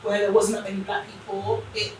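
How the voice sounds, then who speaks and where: A woman's voice: medium pitch, a little fast. London woman in a very echoey room. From England. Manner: animated, frequent restarts, storytelling. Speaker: podcast host. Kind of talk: casual chat. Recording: echoey room from far off with faint noise.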